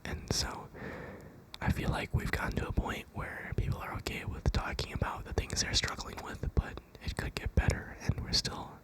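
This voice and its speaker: A young adult whispering a gentle, reassuring pep talk of ASMR affirmations in an unhurried way. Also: poor audio. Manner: whispering throughout. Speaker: ASMR creator.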